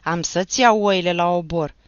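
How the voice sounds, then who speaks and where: A woman voicing a burly, brutal male field watchman who threatens and shouts, in a dull lo-fi recording. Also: medium pitch, big pitch swings, no echo, voice pushed up. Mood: menacing.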